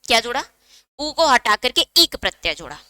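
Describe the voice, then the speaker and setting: A woman's voice: on the high side, very animated, moderate pace, sharp tone, no echo. A woman teaching a Hindi exam-prep lecture, asking questions and answering them herself, and dictating note points.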